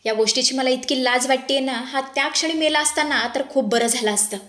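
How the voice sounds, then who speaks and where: A woman voicing an older mother of the household who speaks calmly and firmly in a serial recap. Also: high voice, brisk, roomy sound. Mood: ashamed.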